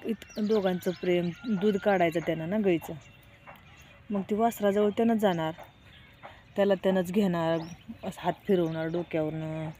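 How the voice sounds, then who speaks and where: A middle-aged woman tells a story to her vlog viewers in a plain, direct way. Her voice is mellow and her pitch stays quite level. Faint bird and animal sounds from the countryside sit behind her. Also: fairly even intonation, moderate pace, a little hiss or hum. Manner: plainspoken, keeps saying "look" to viewers. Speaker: vlogger.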